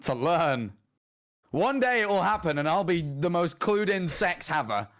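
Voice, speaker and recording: Higher-voiced man joking dryly. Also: big pitch swings, unhurried, a bit bright. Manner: dry, self-deprecating joking. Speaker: co-host reading listener confessions. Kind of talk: casual comedic chat.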